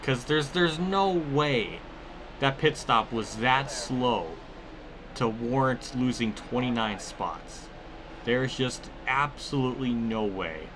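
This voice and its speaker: A gaming video host gives casual commentary over a racing video game, rambling and often breaking off his own sentences with exclamations. His mid-range voice moves at a slow pace, with background noise in the recording.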